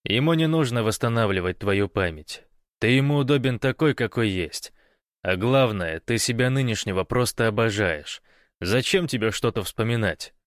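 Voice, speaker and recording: A man's voice: on the low side, expressive, normal speed, no room sound, clean studio sound, natural voice. A man doing a sardonic weary man.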